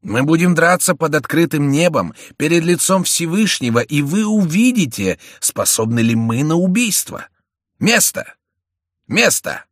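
A man's voice: mid-range voice, very animated, a little slow, a bit bright, dry recording, studio quality, voice pushed up. A man voicing a proud young royal favorite who commands and rebukes the other duelists. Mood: commanding. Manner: commanding and indignant.

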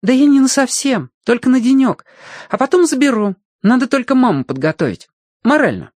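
A man voicing an excitable young boy who pleads and argues eagerly. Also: very high voice, brisk, no echo, clean studio sound, voice pushed up, exaggerated voice. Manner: pleading, emphatic.

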